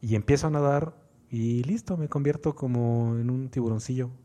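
A man's voice: medium pitch, normal speed, dark tone. A man with a Mexican accent co-hosting a podcast, talking at length in an enthusiastic, motivational way. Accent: Mexican Spanish. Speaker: podcast co-host. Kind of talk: casual podcast chat.

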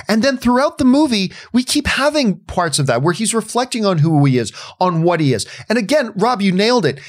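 A man on a podcast panel, talking passionately and emphatically, with an occasional curse. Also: high-pitched. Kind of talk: casual podcast discussion.

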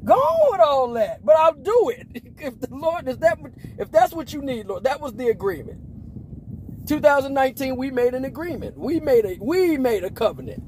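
A man in his forties preaches in a casual, slangy way. His voice is unusually high and swings widely in pitch, and he laughs often and sometimes shouts for emphasis. Traffic noise comes through clearly behind him. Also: animated, fairly quick, rough recording. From Las Vegas, Nevada, US. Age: 40s. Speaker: preacher and podcast host.

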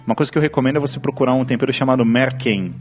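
Fast-talking Brazilian man, joking podcast host. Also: mid-range voice, steady tone, faint music behind. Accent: Brazilian Portuguese. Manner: joking, rambling, mock-philosophical. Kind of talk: casual chat over drinks.

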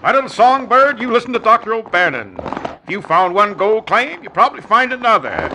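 A folksy old medicine-show doctor. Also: male voice, high voice, sing-song, fairly quick, background noise. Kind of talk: 1950s radio drama acting.

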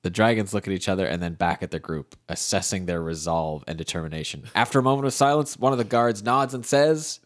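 A man's voice: sits low, lively intonation, fast, few pauses. A young man narrating an AI-run tabletop game, reading the text aloud and joking in between. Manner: reads narration aloud, breaks off laughing and joking.

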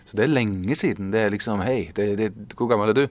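A man's voice: on the low side, dry recording. A man in his forties, an artist talking in an interview, thoughtful and searching for words with many fillers and restarts. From Norway. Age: 40s. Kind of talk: casual interview conversation.

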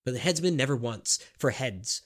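A man narrating a scripted history story in a measured, grave storytelling manner. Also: medium pitch, expressive.

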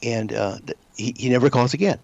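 A man's voice: mid-range voice, brisk, vocal fry, a little mellow. A man from the United States, a guest author telling a personal story in a radio interview, rambling and restarting his sentences often. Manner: rambling, with frequent restarts and repeated words. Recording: dull lo-fi sound.

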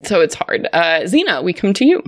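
Woman, lowish pitch, game master, improvised tabletop narration, dry close sound. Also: big pitch swings, fairly quick, no echo.

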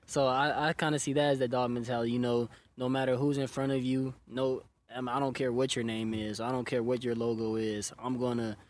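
A man in his twenties with a medium-pitched voice talks as a college football player. He answers an interviewer casually, in loose conversational phrases. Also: flat delivery, fairly quick, hardly any pauses. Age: 20s.

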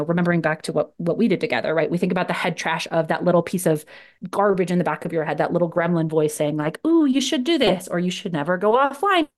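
A woman career coach, a guest on a podcast, talking casually and acting out her inner thoughts in little voices. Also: lowish voice. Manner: lively, talks in acted-out inner dialogue.

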